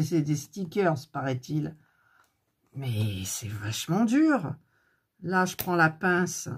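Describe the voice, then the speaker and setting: Slow, husky French woman grumbling over crafts. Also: lowish voice. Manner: grumbling, talking to herself while working. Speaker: craft video host. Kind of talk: casual hands-on craft demo.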